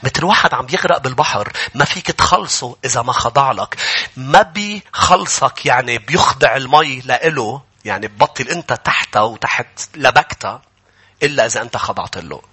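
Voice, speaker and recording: A man's voice: mid-range voice, lively intonation, fairly quick, pushed and bright, husky. A male pastor preaching a Bible-study sermon, emphatic and questioning his congregation as he builds to fervent peaks.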